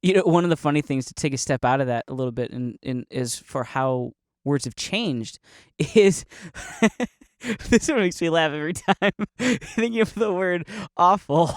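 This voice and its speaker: A man's voice: on the high side, lively intonation, no room sound, clean studio sound. A man hosting a casual solo podcast monologue, laughing often as he talks and rambling through restarts while sipping brandy. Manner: rambling with restarts and quick mock voices. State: drinking brandy. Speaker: podcast host.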